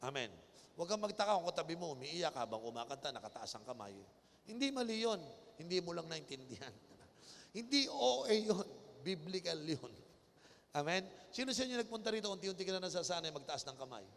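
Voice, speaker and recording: Animated Filipino preacher in a hall. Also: male voice, fairly high pitch, a little fast, creaky, slight background noise. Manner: animated, mixing Tagalog and English, calls for audience responses. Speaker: bishop preaching. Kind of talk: sermon. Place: large convention hall. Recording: long-echo auditorium.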